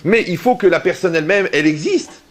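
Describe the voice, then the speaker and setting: A man's voice: sits high, fairly quick. A man giving a rabbi's sermon to an audience, telling stories with acted-out dialogue and often asking whether listeners follow him. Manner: lively storytelling with acted dialogue and jokes.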